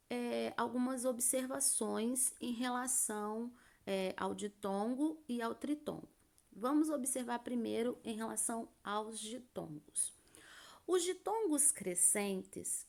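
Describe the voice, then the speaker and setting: A woman teaches grammar at a very slow pace, her fairly high voice carrying a gravelly fry. She stretches out the syllables of her examples to demonstrate them, then answers questions she imagines her students asking. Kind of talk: grammar lesson.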